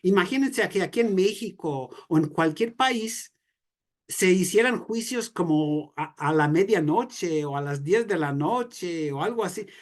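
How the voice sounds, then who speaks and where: A man's voice: high voice, expressive, measured pace. A man with a Mexican accent leading an informal church reflection. He talks conversationally, asks rhetorical questions and tags sentences with "¿no?". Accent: Mexican Spanish. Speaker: Bible study leader.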